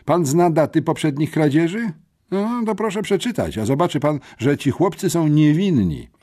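A man doing a quick-witted teenage boy. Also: fairly high pitch, very animated, mellow, pitched above the performer's own voice. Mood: earnest. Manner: eager, clever, a little flustered. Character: sharp, confident teenage boy, school chronicler in a wheelchair. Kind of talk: audiobook character voice.

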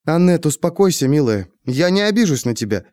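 A man's voice: on the high side, sing-song, brisk, a little mellow, no echo, voice pushed up. A man doing a persistent young woman. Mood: coaxing. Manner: insistent questioning.

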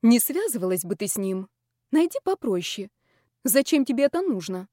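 A woman's voice: a little high, very animated, moderate pace, warm tone, dry recording, studio quality. A woman voicing a practical middle-aged mother who advises in a matter-of-fact way. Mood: advising.

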